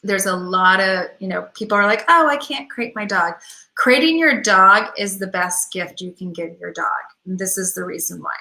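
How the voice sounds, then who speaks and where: A woman's voice: mid-range voice, moderate pace, creaky, few pauses, pushed and bright. A woman hosting a show as a pet healer, chatting casually to viewers and rambling through stories with quoted asides. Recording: echoey room.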